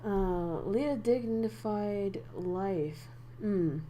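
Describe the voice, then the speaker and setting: A young woman from northern Vietnam, speaking with a Vietnamese accent, chats casually on a livestream while teaching idioms, laughing often and reading the chat aloud. Her medium-pitched voice has a dark tone and drawn-out words. The recording is rough, with slight background noise.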